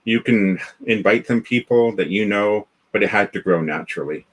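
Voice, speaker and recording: Speaking at normal speed in a fairly low voice, this Canadian guest chats casually in a video-call interview. He founded a developer community and tends to ramble, restarting often and filling gaps with fillers. The recording is low quality.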